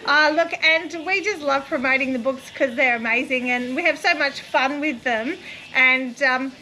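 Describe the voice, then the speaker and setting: A woman's voice: high voice, moderate pace, bright, forceful tone, poor audio. A middle-aged woman from Queensland with a broad Australian accent, hosting a casual chat. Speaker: interview host. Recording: clear background noise, insects chirping outdoors.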